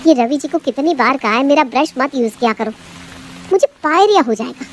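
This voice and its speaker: A woman voicing a polite young daughter-in-law who keeps quiet but mutters her complaints. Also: sits high, animated, a little fast, a little hiss or hum. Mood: grumbling.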